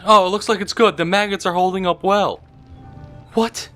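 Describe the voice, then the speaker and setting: A young man commentating a video game playthrough, joking and animated. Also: high voice, moderate pace, faint music behind. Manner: animated, joking, squeamish outbursts. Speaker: gaming commentator. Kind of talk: let's play commentary. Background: game audio.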